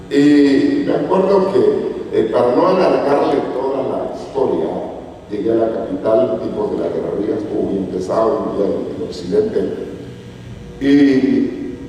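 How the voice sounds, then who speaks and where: A man's voice: mid-range voice, mellow, slight background noise. Echoey Guatemalan-born man preaching far off. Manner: storytelling preacher, rising emphasis. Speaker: pastor. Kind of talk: sermon. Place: church hall. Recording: echoey church hall from far off.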